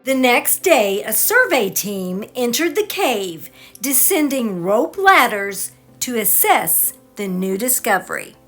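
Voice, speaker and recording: A woman narrates a travel video at a slow, deliberate pace. Her higher-pitched voice moves animatedly through each phrase, with faint music underneath. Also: sing-song, fairly bright tone.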